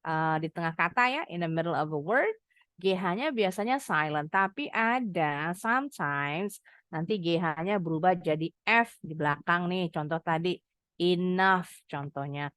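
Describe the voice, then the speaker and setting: A woman teaching an online English class, mixing explanation with slowly modeled words for students to echo. She speaks at an unhurried pace. The sound is close and dry. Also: lowish voice, lively intonation, a bit bright. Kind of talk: online English lesson for teens.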